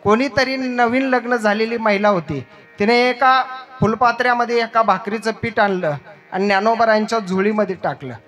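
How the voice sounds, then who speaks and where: A man's voice: high voice, normal speed, a bit bright, soft background music. A man telling a devotional story as a kirtan preacher, dramatic and emotive.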